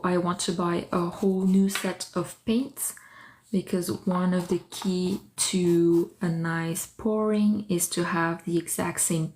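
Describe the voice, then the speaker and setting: A woman whose first language is French hosts a casual livestream from her art studio, greeting viewers by name and thinking aloud as she works. Her voice is on the low side and a little mellow, with a little hiss or hum in the audio.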